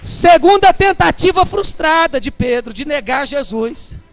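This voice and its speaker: A man with a Brazilian Portuguese accent preaching a Pentecostal sermon, moving from chatty storytelling to fervent shouting. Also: very high-pitched, lively intonation, measured pace, creaky, soft background music.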